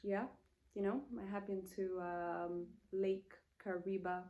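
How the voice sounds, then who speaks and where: A woman in her late twenties from Zambia talks to her viewers in a relaxed, rambling vlog style. She wanders off track, corrects herself and fills pauses with ums. Her voice is mellow and warm, at a medium pitch. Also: highs cut off. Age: late 20s. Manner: chatty, rambling, self-correcting with many fillers. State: feeling hot in the room. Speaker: vlogger. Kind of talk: casual get-to-know-me vlog. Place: indoor room.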